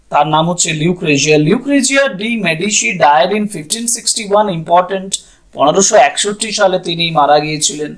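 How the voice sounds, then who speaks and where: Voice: medium pitch, a bit bright. A teacher with a Bengali accent explaining exam questions, repeating each point in two languages and spelling out words. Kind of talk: exam-prep lesson in Bengali and English.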